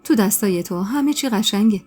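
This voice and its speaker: Loving young husband, soft and soothing, read by a woman narrator, warm mellow tone, faint music under it. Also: mid-range voice, animated, slightly rough. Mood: tender. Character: tender reassuring young husband, man.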